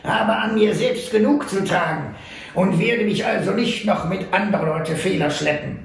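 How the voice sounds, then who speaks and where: A man's voice: high-pitched, normal speed, vocal fry, pitched above the performer's own voice. A man reading aloud and voicing a small, wily old trapper who talks in clipped, folksy phrases. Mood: chuckling. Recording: echoey room.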